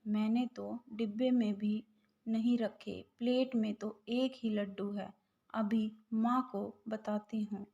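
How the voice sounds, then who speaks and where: A woman's voice: medium pitch, steady tone, slow pace, creaky, dark tone. A woman voicing a dutiful, respectful young daughter-in-law and mother in a storybook tale, on a slightly dull recording. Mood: polite.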